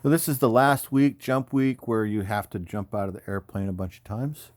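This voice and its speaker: This Californian man in his fifties, an army veteran who served as a paratrooper and combat medic, rambles casually and uses slang while remarking on photos. His voice is lowish with a darkish tone, his pace is moderate, and the recording is dry.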